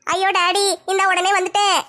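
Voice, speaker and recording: Naive small child, squeaky and bright, voiced by a woman. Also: level tone, normal speed. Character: naive child talking to mother.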